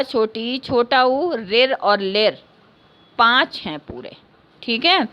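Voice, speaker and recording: Woman teacher, slightly high voice, patient classroom explaining with many recaps. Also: a bit bright. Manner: patient, repeats key points, asks and answers her own questions; ends points with a checking "okay". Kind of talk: classroom lesson.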